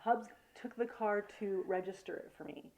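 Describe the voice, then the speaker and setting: A woman's voice: medium pitch, moderate pace, gravelly, poor audio. A woman co-hosting a casual chat show, telling funny stories and acting out what people said. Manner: animated storyteller, acts out quotes. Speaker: co-host.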